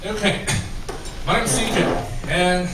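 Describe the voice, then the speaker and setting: In a big echoey hall before an audience, a man from Singapore, a corporate trainer, delivers a conversational conference talk and puts questions to the crowd. His accent mixes English and American, and his high, expressive voice moves slowly. The recording is noisy and picks him up from afar.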